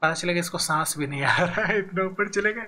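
A man's voice: high voice, fairly quick, sharp tone. A man giving casual let's-play commentary as a gaming YouTuber, chatty, thinking aloud and talking straight to his viewers.

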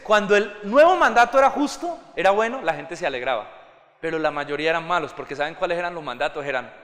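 A man preaches with a high, bright, ringing voice that carries through a reverberant church hall. His sermon is passionate and climbs to fervent peaks. He acts out everyday scenes along the way. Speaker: pastor.

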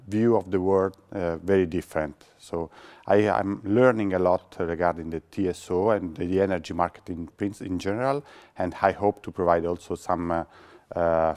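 Deep-voiced Italian man, hesitant English. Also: darkish tone. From Italy. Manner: hesitant, many fillers. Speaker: course participant. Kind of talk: testimonial interview. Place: classroom.

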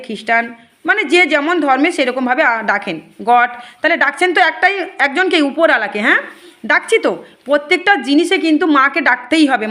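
A woman's voice: sits high, sharp tone. A woman spiritual healer, earnestly addressing devotees and viewers and repeating herself often. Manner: earnest, repetitive, often asks "ঠিক আছে?".

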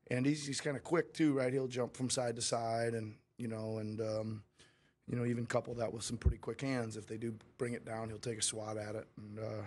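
A man's voice: on the low side, a little mellow. A middle-aged man speaking as head coach at a post-game press conference, talking candidly and rambling, with frequent restarts, into a table mic in a press room. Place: press room before a sponsor backdrop. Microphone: table mic in front of him.

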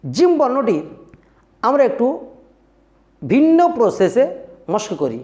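A man's voice: very high-pitched, wildly swooping pitch, takes it slowly, mellow. A man teaching the pronunciation of Arabic letters, addressing viewers as dear friends and drilling each sound over and over. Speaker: Quran recitation teacher.

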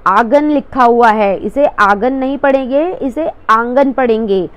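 A woman's voice: on the high side, a little mellow, lo-fi sound. A woman teacher explaining a worksheet to children step by step, patiently repeating each word.

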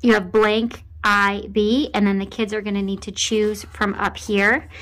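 A woman's voice: medium pitch, little pitch movement, a little slow, a bit bright, rough recording. A young adult woman with a mid-range voice talks through a product in a casual way. She explains things step by step, like a parent showing other parents how something works. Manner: explanatory, spelling out letters and words. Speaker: parent reviewing a children's book.

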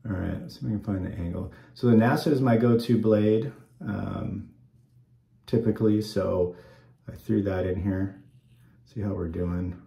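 In an echoey little bathroom at home, a wet shaving host in his forties talks to the camera as he shaves, rambling in an easygoing way full of ums and sounding a bit stuffed up. He speaks unhurriedly in a lowish, gravelly, mellow voice.

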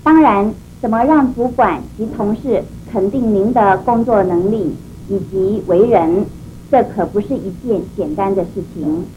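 A woman's voice: mid-range voice, a little slow. A woman in her thirties with a Taiwanese Mandarin accent gives a formal, polished scripted instructional address as an etiquette expert. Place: furnished indoor set at a desk. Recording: dated videotape, faint background noise.

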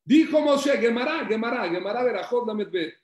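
A man teaching a Torah class, animated, repeating phrases and acting out stories. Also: very high-pitched, moderate pace, reverberant. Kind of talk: religious class.

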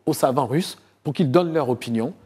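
A middle-aged man from Côte d'Ivoire, a historian, giving long answers in a TV interview, often pausing with fillers and repeating phrases. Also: mid-range voice, a little mellow, slightly rough. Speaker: historian and author guest. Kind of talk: TV interview, recounting his research.

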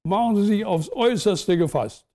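A man's voice: high voice, lively intonation, normal speed, dark tone, pitched above the performer's own voice. A man reading the lines of a brash young male cabaret compere who announces acts with mocking showmanship.

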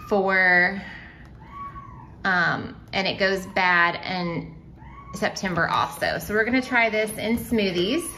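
A woman in her thirties talks through a grocery haul at home in a loose, chatty way, full of small asides. She sounds a little out of breath, at a middle pitch. A faint hum of room noise sits behind her. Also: sharp tone, rough recording. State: slightly out of breath. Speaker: vlogger. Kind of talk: casual grocery haul vlog.

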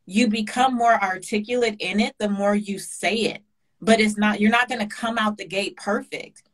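On a video-call interview from her home kitchen, a woman guest speaks passionately and preachily at normal speed in a mid-range voice. She stacks repeated phrases for emphasis, picked up by her webcam microphone.

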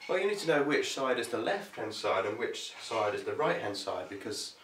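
A man's voice: mid-range voice, big pitch swings, normal speed, a bit bright. A young man co-hosting a casual biology revision lesson, explaining in an easygoing, matter-of-fact way. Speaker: revision video co-host. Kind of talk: casual tutoring chat. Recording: echoey room, mic far off, faint hiss.

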